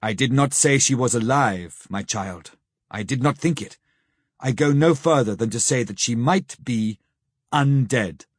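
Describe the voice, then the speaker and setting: A man voicing an old male professor who speaks gravely, sternly and with pity, in slow, solemn, pleading phrases for an audiobook. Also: mid-range voice, no echo, clean studio sound. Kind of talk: audiobook character reading.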